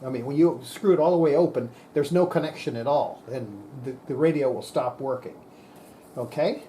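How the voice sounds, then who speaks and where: A presenter demonstrating radio equipment gives an informal, hands-on technical explanation, thinking aloud in a plain-spoken, folksy way. He has a medium-pitched, dark-toned voice and a moderate pace, and the rough recording carries slight background noise.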